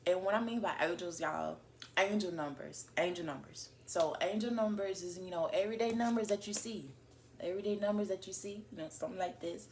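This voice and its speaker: A woman's voice: fairly low pitch, darkish tone, slight background noise. A young woman vlogging in a casual chat straight to her viewers, candid and chatty and swearing freely.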